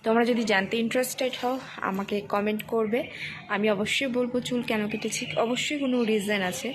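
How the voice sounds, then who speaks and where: A young woman from Bengal, hoarse and rough-voiced, stumbling over words as she talks through a casual daily vlog. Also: a little high, steady tone, quick pace, slight background noise. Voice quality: rough, cracking voice. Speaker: vlogger.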